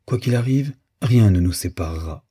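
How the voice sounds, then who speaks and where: A man reading an audiobook, voicing a gentle, earnest older man who promises protection. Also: fairly low pitch, animated, normal speed, husky. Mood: tender.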